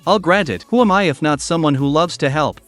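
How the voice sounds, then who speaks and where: A man's voice: fairly high pitch, brisk, a bit bright, no echo, soft background music, close to an everyday voice. A man voicing a cold, mocking young male cultivator with a dry, unbothered manner, reading a storybook recap. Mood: mocking calm.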